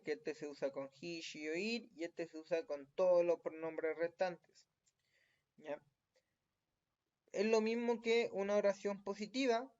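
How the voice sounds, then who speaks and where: A man's voice: on the high side, darkish tone. A man with a Chilean accent teaching a recorded lesson, patient and checking in with the listener after almost every point. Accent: Chilean Spanish. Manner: patient, checks in often with tag questions. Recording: dull lo-fi recording.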